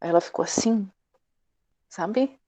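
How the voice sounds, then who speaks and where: Direct-spoken Brazilian woman, mellow tone. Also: mid-range voice, measured pace, dry recording. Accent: Brazilian Portuguese. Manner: direct, animated, acts out quoted dialogue. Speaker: class participant. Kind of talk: personal sharing in a live session.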